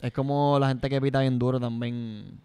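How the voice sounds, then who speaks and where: A man's voice: medium pitch, fairly even intonation, moderate pace, dark tone, smooth. A young man with a Puerto Rican Spanish accent, co-hosting a podcast in joking, casual chat, mixing English words into his Spanish. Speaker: podcast co-host.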